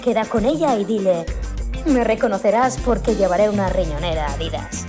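A woman's voice: medium pitch, expressive, brisk. A woman reading a parody commercial in an upbeat, mock-salesy way. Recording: music bed under voice.

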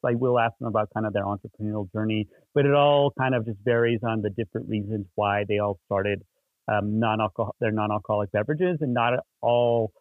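A man's voice: mid-range voice, no echo. Easygoing man on a phone-like line. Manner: easygoing, self-assured, with restarts. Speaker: podcast host. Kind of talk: casual panel chat.

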